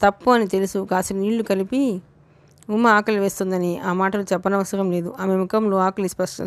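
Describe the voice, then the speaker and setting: A woman with a medium-pitched voice reads a novel as an audiobook, telling the story in a steady, measured way. The recording is dry.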